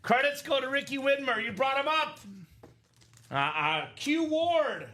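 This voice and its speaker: A man in his thirties hosting a live card break, chatty and energetic, calling out names and teams. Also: very high voice, a little slow, a little hiss or hum. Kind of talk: live stream commentary.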